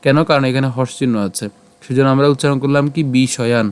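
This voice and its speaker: Man, smooth resonant voice, patient pronunciation teacher, repeats words slowly. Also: mid-range voice, little pitch movement. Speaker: Gita recitation teacher. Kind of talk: Sanskrit pronunciation lesson.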